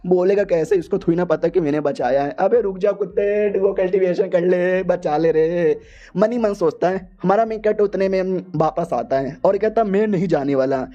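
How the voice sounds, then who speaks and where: A man recapping a comic story in a loose, slangy, joking manner. His voice sits high yet mellow and dark in tone. The recording is dull and lo-fi. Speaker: manga recap narrator.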